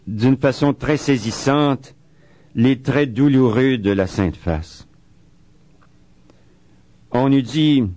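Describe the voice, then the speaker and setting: Man giving a calm spiritual talk. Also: mid-range voice, dry recording. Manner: reads quoted writings slowly and solemnly, adds chatty asides. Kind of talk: spiritual talk on a saint's life.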